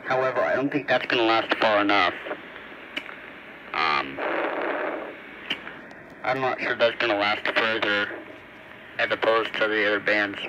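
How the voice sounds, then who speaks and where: Here the man's voice is on the low side and unhurried, with long pauses, as he thinks aloud and rambles through a hands-on radio demo for a hobby video. A phone camera at varying distance captures him in lo-fi sound. Shortwave noise and static fill the noisy recording.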